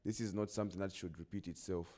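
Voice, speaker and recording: A man's voice: deep voice, steady tone, fast, mellow. A man in a casual podcast discussion, blunt and mixing in Bemba phrases. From Zambia. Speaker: podcast co-host.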